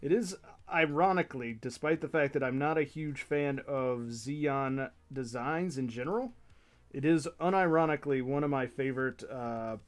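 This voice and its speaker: A man hosting a relaxed build stream, chatting easily and laughing along. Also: mid-range voice, normal speed. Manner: relaxed, laughs easily, enthusiastic about kits. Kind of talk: casual chat.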